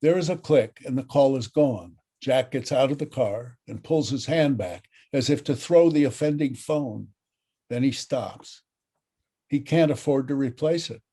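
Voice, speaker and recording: A man's voice: mid-range voice, unhurried, mellow, husky. A man narrating the stage directions of a script reading in a dry, matter-of-fact way.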